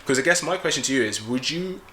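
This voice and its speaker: Young man, bright tone, measured debate guest, faint noise under him. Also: mid-range voice, lively intonation, rough recording. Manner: measured, reasoning aloud, poses questions. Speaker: guest youtuber. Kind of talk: casual debate conversation.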